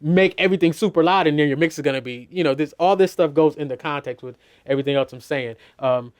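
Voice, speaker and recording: This is a middle-aged mix engineer in a studio, giving a teaching walkthrough of his mixing process. He's casual and loose, peppering his talk with "you know" and restarting sentences. He speaks fast in a highish, clear, resonant voice.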